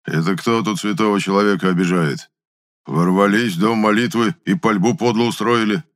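A man voicing a burly, angry peasant with a hoarse, growling voice. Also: fairly low pitch, moderate pace, lightly acted. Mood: hostile, hoarse.

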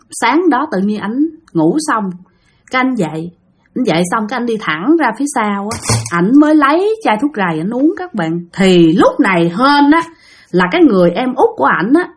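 A woman's voice: fairly high pitch, breathy edge. A woman with a Southern Vietnamese accent telling a ghost story in a chatty way, often addressing her listeners directly. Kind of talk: spoken ghost story narration.

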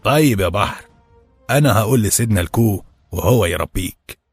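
A gravelly, quick-tempered head cook with an Egyptian accent barks insults in a low, husky growl, as a male reader puts him on. The recording is dry and close, with faint music underneath. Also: no room sound. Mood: angry. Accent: Egyptian Arabic. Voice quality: gravelly, harsh voice. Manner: barking insults. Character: gruff hot-tempered middle-aged male head cook.

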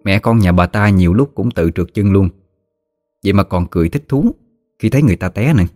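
A man with a Southern Vietnamese accent narrating a story in a lively, slangy, teasing way. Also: low voice, fast, dry recording. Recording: faint music behind.

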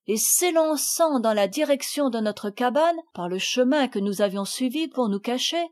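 A woman narrating a children's novel as an audiobook reader, in a measured, expressive way. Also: high-pitched.

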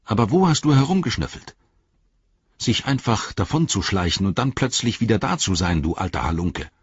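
A man voicing a loyal, plain-spoken male hobbit who talks bluntly in a raised, lively voice, in a slightly dull recording. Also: lowish voice, moderate pace, breathy edge, dry recording, pitched above the performer's own voice.

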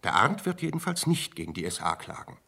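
A cold, evasive judge in a radio drama, clipped and reproving toward a frightened colleague. His husky mid-range voice moves widely in pitch, climbing sharply when he takes offense. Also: sing-song, a little fast, pushed and bright, full character voice. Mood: confiding. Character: cold, guarded male judge, evasive and superior.

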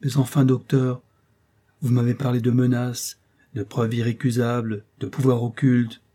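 A man doing a haughty husky countess. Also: mid-range voice, level tone, a little slow, dark tone, natural voice. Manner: imperious, indignant questioning. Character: proud aristocratic countess, haughty and nervous. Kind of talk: audiobook character voice.

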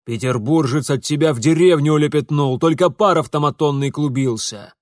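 Guy doing a furious fat old dad, yelling, pitched a bit higher, dry close sound. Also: fairly quick, no room sound, lightly acted. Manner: bellowing, furious and blustering. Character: portly enraged noble father, older man. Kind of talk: audiobook character voice.

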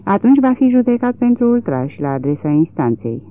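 Un bărbat care dă glas unui judecător bătrân și fragil, neliniștit și ezitant. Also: male voice, a little high, expressive, lightly acted. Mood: perplexed. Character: old, frail, troubled country judge. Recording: tinny lo-fi narrow-band recording.

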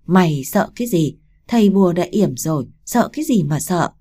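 A gruff old mother-in-law barks scolding orders, as a woman reading the story voices her. Her voice is dark and raspy. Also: on the low side, lively intonation, moderate pace. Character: sharp-tongued rural old mother-in-law.

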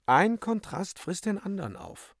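A man's voice: high voice, big pitch swings, moderate pace, no room sound, studio quality, voice pushed up, exaggerated voice. A man reading the part of a woman in a radio play, who teases her lover in a reproachful, ironic way.

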